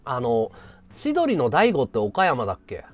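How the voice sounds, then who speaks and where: Animated Japanese streamer, very lively pitch. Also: male voice, measured pace, soft background music. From Chiba, Japan. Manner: rambling, animated, laughing at his own stories. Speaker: live streamer. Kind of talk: casual chat with viewers.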